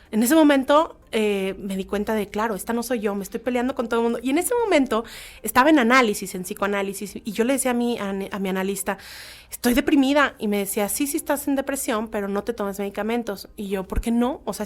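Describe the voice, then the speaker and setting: A woman, a psychologist sharing her own experience in a casual podcast chat, animated and full of restarts. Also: fairly high pitch. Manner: animated, many restarts and quoted asides. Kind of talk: personal testimony in casual chat.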